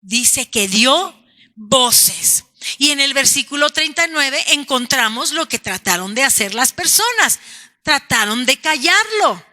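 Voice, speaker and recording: A woman pastor, preaching a sermon to her congregation with emphatic delivery. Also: a little high. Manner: preaching emphatically, calling out lines as shouts; addresses congregation as brothers and sisters. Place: church.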